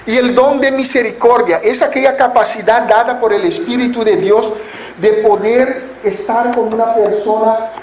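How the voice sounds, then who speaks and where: High-voiced man preaching a Sunday sermon. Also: a little mellow, roomy sound, slight background noise, low-quality recording. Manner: asks the congregation questions and answers them himself; acts out foolish attitudes in mocking voices. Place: church hall.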